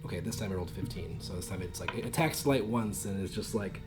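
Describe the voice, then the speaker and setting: A man casually narrating a tabletop role-playing game as game master, animated and joking. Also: low voice, fast, music in the background.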